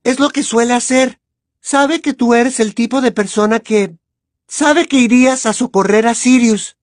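A woman's voice: fairly high pitch, unhurried, dry recording, studio quality, close to an everyday voice. A woman voicing a clever, anxious teenage girl witch who talks with urgent earnestness. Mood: urgent, pleading.

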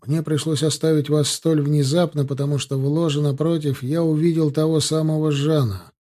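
Мужчина в роли сдержанного усталого дипломата. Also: male voice, a little high, steady tone, normal speed, warm tone, lightly acted. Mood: weary. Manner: terse, weary. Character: reserved male diplomat detective.

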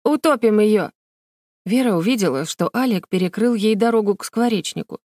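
A woman reading a children's book aloud as a narrator, with steady, even storytelling. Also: mid-range voice, a little fast, no room sound, clean studio sound. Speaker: audiobook narrator. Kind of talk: scripted narration.

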